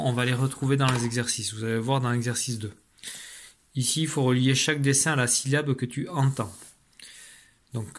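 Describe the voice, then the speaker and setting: A man teaching, patiently explaining phonics exercises to parents, with frequent fillers and restarts. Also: mid-range voice.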